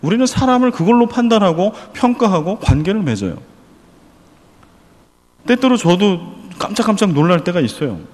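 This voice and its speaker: Korean pastor guy preaching, kinda high voice, lots of questions, big echoey church hall. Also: very animated, normal speed. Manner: earnest preaching with rhetorical questions and prayer. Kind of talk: sermon.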